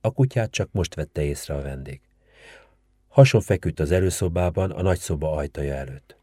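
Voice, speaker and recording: Male narrator, low mellow voice, measured storytelling, dry close mic. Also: lively intonation, slightly rough, no room sound. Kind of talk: scripted narration.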